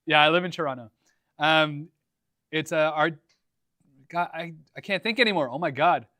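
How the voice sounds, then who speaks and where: Young male streamer, fairly high voice, dry close sound, relaxed and rambling. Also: moderate pace, no echo. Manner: laid-back, rambling, lots of likes and ums. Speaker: livestream host. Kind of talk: casual livestream Q&A. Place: home workshop.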